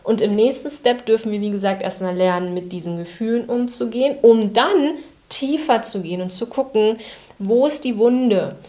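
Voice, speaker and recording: A woman coach giving a calm, explanatory live talk, speaking directly to the viewer. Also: a little high, normal speed.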